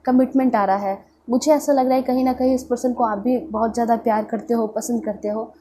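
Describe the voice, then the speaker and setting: A woman's voice: fairly high pitch, steady tone, fairly quick, dark tone, a little hiss or hum. A woman with an Indian accent and a congested, pinched-nose nasal voice from a cold, giving an informal tarot reading and mixing in English words. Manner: mixes in English words, repeats check-in phrases. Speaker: tarot reader.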